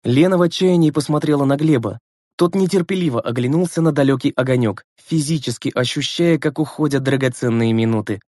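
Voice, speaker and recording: A man narrating an audiobook story in a measured, expressive way. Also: mid-range voice, no echo, clean studio sound. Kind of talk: scripted narration.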